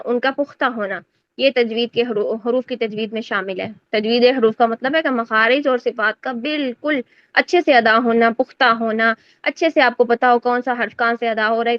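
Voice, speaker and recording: High-voiced woman teaching. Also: no echo. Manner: explains step by step, asks students to confirm. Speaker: Quran recitation teacher. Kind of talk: class lesson explaining exam answers. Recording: dry, dull lo-fi sound.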